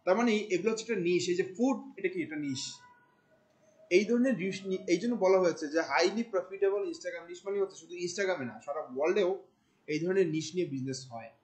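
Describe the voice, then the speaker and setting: A man, teaching a class. He talks in a colloquial, animated way, firing questions at the students. He drops English terms into his explanations. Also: high voice, brisk, rough recording. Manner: questions the class often, mixing in English words. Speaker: marketing instructor. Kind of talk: classroom lecture.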